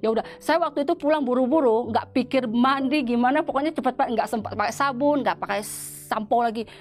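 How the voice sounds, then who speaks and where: A woman giving a church testimony in an interview, talking in a halting way with many restarts. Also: a little high. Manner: halting, with frequent restarts and repeated words.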